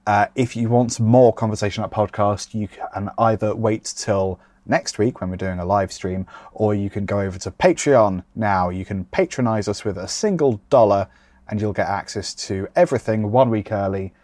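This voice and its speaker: Bloke hosting a podcast, lowish voice, rambly and jokey, dry close recording. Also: male voice, moderate pace, darkish tone, dry recording. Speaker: podcast host. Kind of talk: casual, rambling chat.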